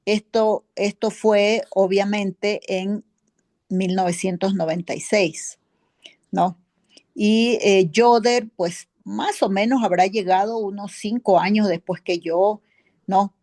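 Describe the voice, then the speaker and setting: A woman's voice: medium pitch, steady tone, takes it slowly, darkish tone, close to an everyday voice. A woman playing a witness in a mock trial, a neighbor and accountant who answers in a rambling way full of fillers and tag questions. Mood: earnest. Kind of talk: courtroom role-play, answering questions.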